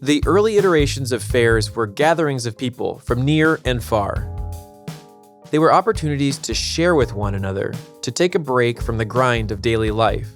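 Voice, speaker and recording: A man narrating a podcast in a calm, reflective scripted delivery at a medium pitch. Faint guitar music sits under his voice. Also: normal speed.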